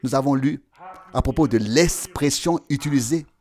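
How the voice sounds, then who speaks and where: A man preaching a sermon, emphatic, with a sing-song cadence that swings between loud declarations and hushed asides. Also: medium pitch, normal speed.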